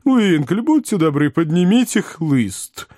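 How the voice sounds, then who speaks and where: A man voicing a kindly, excitable elderly gentleman who cries out in high, drawn-out exclamations. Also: no echo, studio quality, heavily acted. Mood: alarmed. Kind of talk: audiobook character voice.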